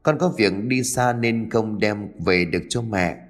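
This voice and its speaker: A man's voice: on the low side, a little slow, big-room sound, lightly acted. A man voicing a cold vengeful ghost girl. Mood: evasive. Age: 20s. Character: vengeful ghost of a young woman.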